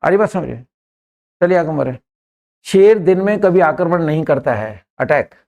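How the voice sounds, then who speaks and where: A man's voice: fairly high pitch, animated, normal speed, gravelly, a little mellow. A man teaching an English grammar lesson in a classroom, repeating words and often checking that his students understand.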